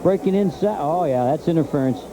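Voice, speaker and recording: Over the roar of the stadium, this man breaks down the football action live, his voice sitting on the high side and running a little fast with plenty of animation. He talks like a color commentator chatting with listeners, pressing his points hard and saying things more than once.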